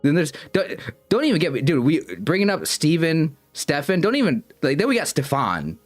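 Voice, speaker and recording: A man's voice: on the high side, very animated, fairly quick, no echo, soft background music. A young man streaming and chatting casually with his viewers, rambling and self-conscious, often stumbling and restarting his sentences. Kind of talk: casual livestream chat with viewers.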